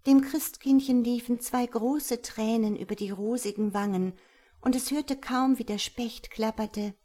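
A woman reading a Christmas fairy tale aloud in an expressive, lilting manner. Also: a little high, a little slow. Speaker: storyteller. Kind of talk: storybook reading.

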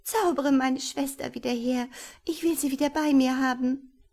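A woman voicing a gentle, sorrowful young princess who pleads in a raised, plaintive voice. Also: fairly high pitch, flat delivery, slow pace, voice pushed up. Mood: pleading.

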